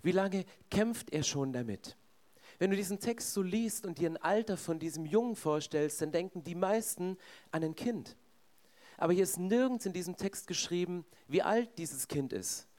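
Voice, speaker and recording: A man's voice: high voice, normal speed, darkish tone. A man preaching a sermon in a conversational way, speaking directly to his congregation.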